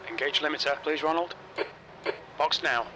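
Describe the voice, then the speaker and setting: A man speaking as a race engineer over race car team radio, giving brisk, matter-of-fact instructions. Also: on the high side, noisy background.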